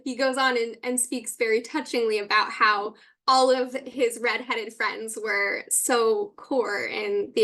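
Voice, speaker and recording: A woman with a fairly high but flat, even voice, guiding listeners through an online exhibit. She explains and sets up clips at a steady pace, heard through a computer mic on a video call. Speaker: webinar presenter. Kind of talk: guided exhibit tour on a webinar.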